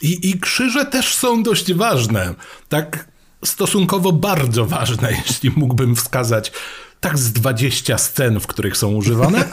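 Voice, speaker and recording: A man's voice: medium pitch, husky. A man co-hosting a casual film podcast, talking in a playful, joking and meandering way with frequent fillers. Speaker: podcast co-host.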